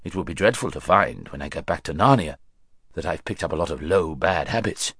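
A proud, fussy talking warhorse from a storybook, as a man reads him out. The voice sits very deep and swings up and down with feeling, grave and a bit anxious about looking dignified. The sound is dry and close. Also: animated, fairly quick, a bit bright, slightly rough, no room sound, full character voice.

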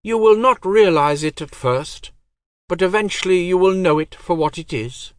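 A man's voice: high voice, normal speed, dry recording, voice pushed up, close to an everyday voice. A man voicing an icy goddess of death. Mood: icy, solemn. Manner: cold, solemn pronouncements.

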